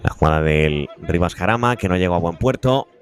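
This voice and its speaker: A man giving live beach soccer play-by-play as a commentator, with breakneck goal commentary and drawn-out, repeated goal calls. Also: low-pitched, animated. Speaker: sports commentator.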